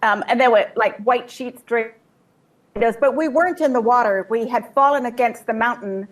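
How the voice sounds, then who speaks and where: A woman telling a personal story in short, vivid bursts and pausing for an interpreter. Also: a little high. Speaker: guest speaker. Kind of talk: personal testimony with live interpreter.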